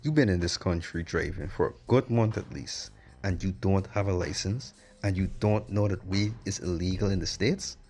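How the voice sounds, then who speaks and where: A man's voice: sits low, moderate pace, a little mellow. A man narrating a sarcastic movie review in a blunt, mocking, slangy way.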